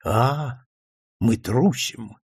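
A man voicing a calm, calculating doctor who speaks in a quiet, measured and deliberate way in an audiobook reading. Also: medium pitch, creaky, breathy edge, no echo, clean studio sound, heavily acted. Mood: cold taunting. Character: cold calculating male doctor, calm and scornful.

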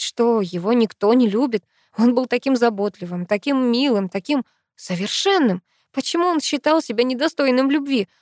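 A woman's voice: a little high, no echo, studio quality. Intimate woman narrating a romance audiobook. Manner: intimate, expressive storytelling. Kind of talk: first-person romance audiobook reading.

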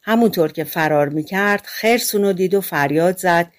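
Woman reading fairy tales aloud. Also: on the low side. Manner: colloquial, conversational storytelling. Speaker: audiobook narrator. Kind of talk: scripted fairy-tale narration.

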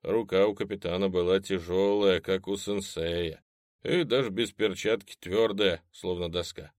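Sex: male. Style: deep-voiced audiobook narration. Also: fairly even intonation, moderate pace, a little mellow, dry recording, studio quality. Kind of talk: scripted narration.

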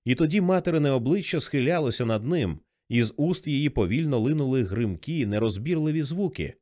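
A man narrating a novel as an audiobook, with expressive, varied delivery. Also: mid-range voice, brisk, no echo, studio quality. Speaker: audiobook reader.

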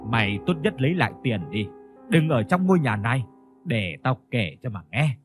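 A blunt, scolding old village chief, as a male storyteller puts him on, speaking with a lively, swinging pitch. Soft instrumental music plays faintly underneath this storybook reading. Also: moderate pace, lightly acted. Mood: warning. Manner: blunt, scolding, coarse familiar speech.

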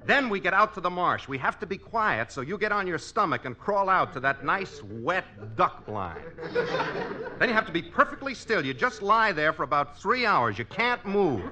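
A man's voice: high-pitched, very animated, normal speed, bright, forceful tone, heavily acted. A man playing a put-upon, reluctant sidekick in an old-time radio comedy, drawling with dry sarcasm and mock enthusiasm. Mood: mock enthusiastic. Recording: very noisy old radio recording.

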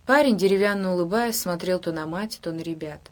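A woman's voice: lowish voice, a little fast. Woman reading a story aloud. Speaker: audiobook reader. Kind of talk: scripted narration.

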